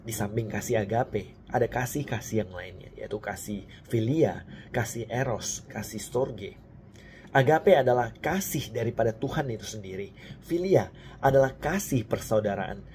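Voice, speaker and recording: A man giving a devotional sermon, reading scripture and speaking earnestly to the listener, dropping softly for quoted prayers. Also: fairly low pitch, expressive, moderate pace, slight background noise. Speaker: preacher.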